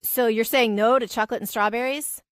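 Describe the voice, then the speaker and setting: A woman's voice: on the high side, steady tone, fairly quick, no echo, clean studio sound, natural voice. A woman reading the part of an earnest, hopeful billionaire father in an audiobook. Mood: playful. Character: eager single-father billionaire man.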